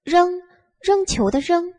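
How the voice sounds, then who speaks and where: A woman, a children's literacy teacher and narrator, uses a very high, animated, slightly mellow voice and takes it slowly, with a little hiss or hum in the audio. She narrates a scripted lesson for small children in a simple singsong, as if reading to a toddler, repeating words for listeners to follow.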